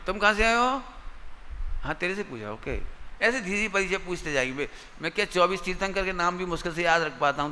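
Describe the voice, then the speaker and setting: A man leading an interactive religious lesson for children, animated, repeating key words and quizzing his pupils. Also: fairly high pitch. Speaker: Jain teacher leading a children's class. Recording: reverberant hall sound.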